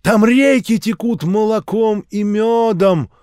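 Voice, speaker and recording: A man voicing a fervent old street preacher woman in an audiobook, loud and drawn-out in a preaching manner. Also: high voice, smooth, dry recording, clean studio sound, pitched above the performer's own voice. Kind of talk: audiobook reading.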